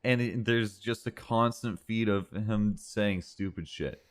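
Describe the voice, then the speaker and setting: Slow-talking young man on a podcast. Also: lowish voice. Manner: laughs often, mimics others' stammering. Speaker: podcast co-host. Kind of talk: casual podcast chat.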